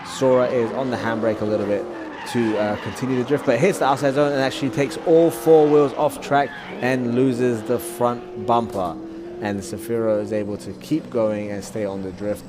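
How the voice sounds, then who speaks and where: A man giving live motorsport play-by-play commentary, explaining things in a measured, casual way. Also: medium pitch, steady tone. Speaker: commentator and drift driver. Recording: clear outdoor vehicle noise. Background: cars and outdoor ambience.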